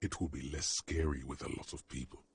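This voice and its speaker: A man playing a brooding, all-knowing inner-voice narrator in a detective game, measured and literary, with a gravelly voice. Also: rumbling low, steady tone, exaggerated voice. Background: music.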